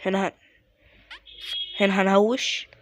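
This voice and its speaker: Mumbling through casual gameplay commentary, an Egyptian-accented gaming YouTuber pokes fun at his own mistakes and occasionally bursts out in exasperation. His voice sits high with a flat, unhurried delivery, and a little hiss or hum can be heard.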